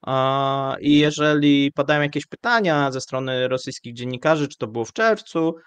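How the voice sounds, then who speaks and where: Male host, mid-pitched, measured and hesitant with many fillers, dry close mic. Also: fairly bright tone, clean tone, no echo. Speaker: show host. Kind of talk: live economic commentary.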